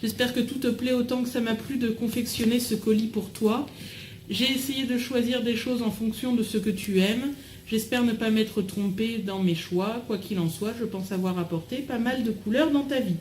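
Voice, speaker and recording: Chatty higher-pitched woman in an echoey room. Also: normal speed, darkish tone, a little hiss or hum. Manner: chatty, bubbly, trails off into fillers. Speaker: vlogger unboxing a swap package. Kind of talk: casual chat to camera.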